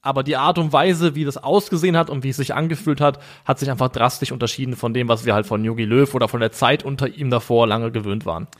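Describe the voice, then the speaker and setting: Ein Mann, der als Co-Host in einem lockeren Podcast ruhig und sachlich Fußballspiele analysiert. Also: male voice, medium pitch, steady tone. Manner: measured, analytical. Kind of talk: casual football analysis.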